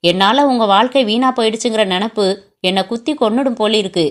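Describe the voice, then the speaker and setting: A woman's voice: fairly high pitch, brisk, close to an everyday voice. A woman voicing an earnest, remorseful young man who speaks humbly, apologetically and politely in a storybook reading. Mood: remorseful, pleading. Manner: apologetic, pleading, respectful.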